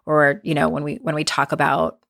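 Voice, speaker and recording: A middle-aged woman hosting a casual solo podcast, candid and conversational, with some vocal fry in her voice. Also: sits low, little pitch movement, fairly quick, a bit bright. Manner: candid, conversational, with mild swearing. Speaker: podcast host and self-help author.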